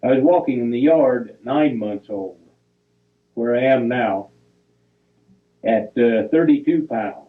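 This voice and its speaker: Slow, halting older man on a tinny line. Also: mid-range voice. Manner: halting, reads dates piece by piece, corrects himself. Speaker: family storyteller. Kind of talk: reminiscing narration over old family photos. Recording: tinny, phone-like recording.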